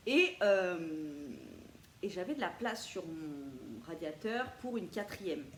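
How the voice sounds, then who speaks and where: A vintage thrift haul vlogger chats casually and playfully with viewers about her thrift finds, animated and laughing often, with playful asides. Her voice is lowish and her pace slow. The room is echoey with faint ambient noise.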